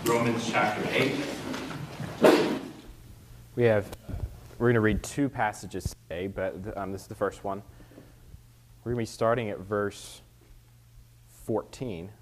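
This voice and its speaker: A man with a fairly low voice speaks as a preacher. His delivery is measured and earnest, moving through scripture and teaching in a sermon style. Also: steady tone, darkish tone, a little hiss or hum. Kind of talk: sermon with scripture reading and prayer.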